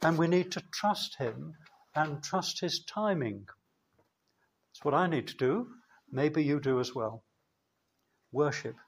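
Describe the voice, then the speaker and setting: A man preaching a sermon in a church, slow and measured, with emphatic pauses. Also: fairly high pitch, lively intonation, husky.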